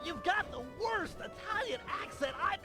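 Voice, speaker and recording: A man's voice: very high-pitched, expressive, moderate pace, music in the background. A man voicing a nerdy, nervous male sidekick in a video game. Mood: fussy.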